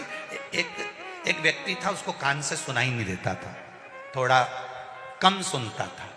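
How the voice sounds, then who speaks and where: A male preacher from Madhya Pradesh telling a devotional story in an animated way. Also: mid-range voice. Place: large religious gathering. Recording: echoey hall, faint music.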